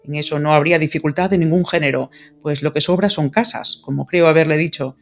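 A woman voicing an earnest, lovesick English lord in an audiobook, speaking formally and pleading gravely. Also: low voice, fairly quick, soft background music. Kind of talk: audiobook character reading.

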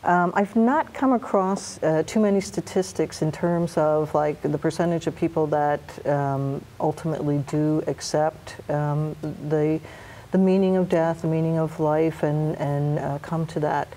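A middle-aged woman, a hospice nurse educator, answering interview questions in a soft, halting, hesitant way. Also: low-pitched, fairly even intonation, low-quality recording. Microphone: lapel mic.

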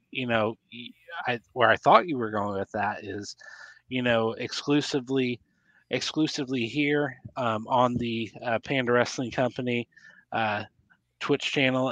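A man's voice: medium pitch, a bit bright, no room sound. A man co-hosting a casual wrestling podcast, talking with many fillers and plugs. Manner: rambling, many ums, thanks guests. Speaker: podcast co-host. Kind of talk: casual chat. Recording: muffled lo-fi audio.

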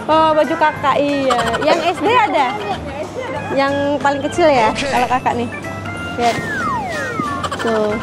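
A woman's voice: sits high, unhurried, pauses often, loud music behind the voice, over a noisy crowd. A young woman and mother chatting casually to her viewers while walking through a shopping mall, filmed on a handheld camera. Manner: chatty, addresses viewers as guys, playful laughs. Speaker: mother and vlogger. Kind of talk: casual family vlog chat. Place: indoor shopping mall, then car.

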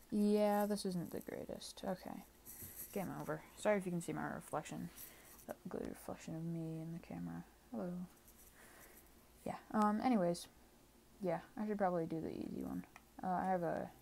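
A woman's voice: on the low side, gravelly, warm tone, a little hiss or hum. A woman doing casual gameplay commentary at home, always sounding tired, offhand and rambling. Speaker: gaming channel creator. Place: home room. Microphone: desk microphone.

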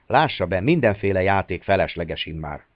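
A hawk-faced Italian secretary who hectors and accuses with sneering fury, as a man reads him aloud. He sits on a low register, and the dry, slightly dull recording keeps him close. The tone is an audiobook's. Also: lively intonation, no echo. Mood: accusing.

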